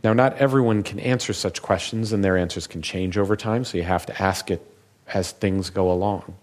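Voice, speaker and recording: Speaking publicly as a doctor, this man has a very deep, low voice and a steady tone. He tells his stories thoughtfully and at a measured pace, lingering on each idea.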